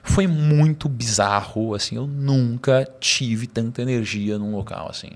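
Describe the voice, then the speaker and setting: Here a Brazilian Portuguese-accented man, appearing as a podcast guest, recounts something personal in an easygoing exchange. His pitch sits in the middle and his pace is a touch slow, yet he stays lively, slangy and prone to sudden laughter.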